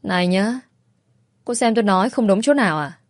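A woman's voice: medium pitch, expressive, fairly quick, no room sound, studio quality, lightly acted. A woman voicing a self-assured young man who teases the heroine. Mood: teasing.

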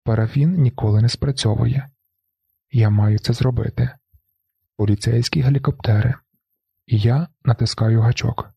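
Gravelly dark-voiced male narrator. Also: mid-range voice, fairly even intonation, moderate pace, long pauses, muffled recording, slight background noise. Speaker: audiobook narrator. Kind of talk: first-person novel reading.

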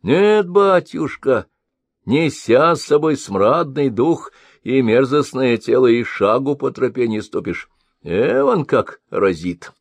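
In a dry recording, a male audiobook narrator puts on an exaggerated, gravelly voice with big pitch swings to play a sly, mocking ferrywoman, a cunning crone who carries travelers. He makes her high, cracked and wheedling, dragging the words out slowly.

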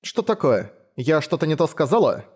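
A man reading an audiobook, voicing an impulsive young female fortune-teller in a high, shrill, indignant voice. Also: very animated, moderate pace, darkish tone, breathy edge.

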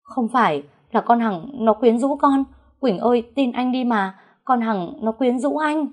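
A woman's voice: mid-range voice, lively intonation, normal speed, darkish tone, close to an everyday voice. A woman voicing a cowardly young husband caught cheating, begging his wife and shifting blame. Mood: defensive. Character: cheating eldest son, young man, cowardly and pleading.

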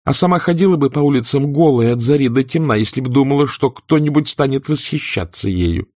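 A man voicing a sharp-tongued, haughty young Southern lady, sarcastic and furious. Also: on the low side, brisk, dry recording, clean studio sound, pitched above the performer's own voice. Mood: scornful.

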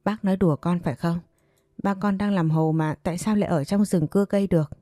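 A woman's voice: lowish voice, fairly even intonation, quick pace, dark tone, dry recording, clean studio sound, lightly acted. A woman voicing a grief-stricken young woman. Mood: anxious. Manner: pleading and crying out in grief. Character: grief-stricken young woman who lost her father.

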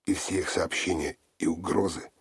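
A male audiobook narrator with a very deep, breathy, husky voice reads in a measured, brooding way. The sound is dry and close, with no room around it. At times he sinks into a near-whisper. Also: steady tone, no room sound.

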